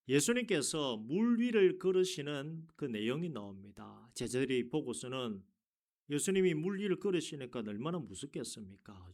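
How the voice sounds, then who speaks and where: A male pastor delivers a sermon in a fairly high voice. He keeps asking the congregation questions and answering them himself. He pushes certain words out loudly for emphasis. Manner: preaching with rhetorical questions and sudden loud emphasis.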